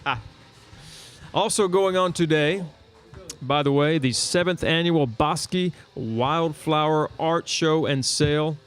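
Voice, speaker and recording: A man co-hosting a casual live talk show from a bar, reading out local events with relaxed fillers. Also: a little high, takes it slowly, faint music behind. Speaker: show co-host. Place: bar and grill.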